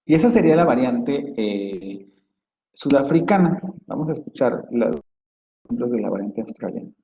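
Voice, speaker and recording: Speaking at a normal pace with lively intonation, this man has a mid-range voice. He's a phonetics professor delivering a relaxed lecture full of examples, musing aloud and often restarting or using fillers. The recording sounds lo-fi, dull and echoey, like a big room.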